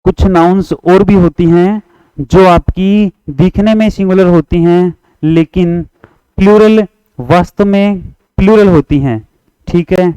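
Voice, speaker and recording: His voice sits high, warm and smooth as he teaches English grammar for exam prep in a Haryanvi Hindi accent. He keeps repeating points, gets students to answer along, and reads example sentences slowly. The audio is poor but has no echo.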